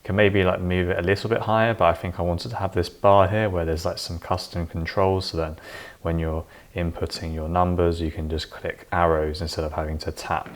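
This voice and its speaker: A man in his late twenties from London, chatting casually in a relaxed, rambling way with lots of fillers. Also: low-pitched, fairly quick. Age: late 20s. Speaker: vlogger. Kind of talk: casual chat.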